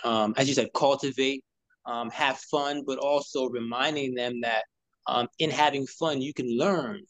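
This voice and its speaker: A man's voice: mid-range voice, fairly even intonation, a little slow, dry recording. Affirming man hosting an interview. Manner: conversational, affirming, many "you know" fillers. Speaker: interview host. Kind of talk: casual interview talk.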